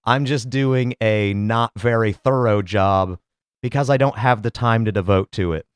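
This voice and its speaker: A man's voice: on the low side, a little slow, clear, resonant tone, no room sound. A man hosting a solo podcast, talking in a sarcastic, profane, rambling way. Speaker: podcast host. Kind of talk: casual solo podcast commentary.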